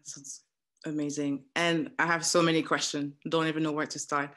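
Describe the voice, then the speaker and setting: A woman in her thirties hosting an interview over a video call on a headset from her living room, speaking with frequent pauses and restarts. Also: low-pitched, level tone, fairly bright tone. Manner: hesitant, restarts often. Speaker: host.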